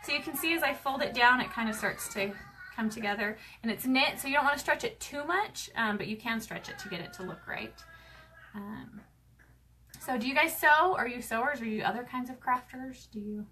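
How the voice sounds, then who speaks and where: A woman hosting a casual sewing tutorial at home, talking fast and chatty with lots of fillers. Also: on the high side, lively intonation, pushed and bright, poor audio. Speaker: craft show host demonstrating sewing. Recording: clear background noise with clicks.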